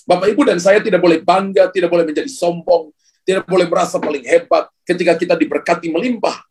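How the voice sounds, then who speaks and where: A man's voice: high-pitched, fairly even intonation, quick pace, a little mellow, slightly rough. A male pastor preaching a sermon, speaking emphatically and addressing the congregation directly.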